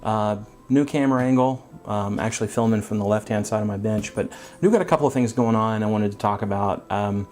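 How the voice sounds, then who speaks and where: A man giving a casual update on his scale model hobby channel, talking in a relaxed, rambling way with lots of ums and uhs from his workbench. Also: fairly low pitch, brisk, hardly any pauses.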